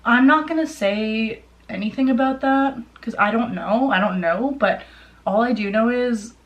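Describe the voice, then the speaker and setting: This young woman from Ontario, Canada, is a vlogger chatting casually to camera while showing off a personal collection. Her voice sits on the high side at a moderate pace, and she gushes and rambles informally over lo-fi sound.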